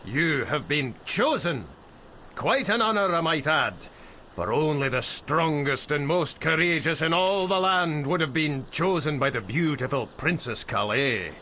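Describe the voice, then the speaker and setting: Obsequious flowery schemer, bright and sharp, fairly high, animated lilt. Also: male voice, unhurried, slight background noise. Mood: ingratiating. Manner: flowery, obsequious, stammering when flustered. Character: fawning, nervous man recruiting a hero. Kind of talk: video game cutscene acting.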